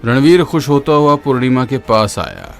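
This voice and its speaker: Over loud, eerie music that never lets up, a man tells a horror story at a moderate pace. His gravelly, mid-pitched voice is steady and dramatic, sinking lower during the grim parts.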